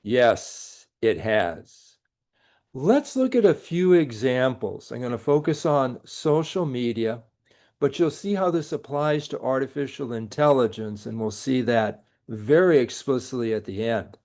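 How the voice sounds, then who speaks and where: A man's voice: medium pitch, animated, a little slow, a little mellow. A middle-aged man, a college professor, giving a recorded lecture with dry, sarcastic jokes. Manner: dry jokey asides, sarcastic.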